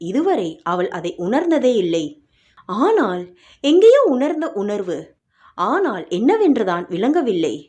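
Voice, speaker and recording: A woman narrating an audio story in an expressive, dramatic reading style. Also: fairly high pitch.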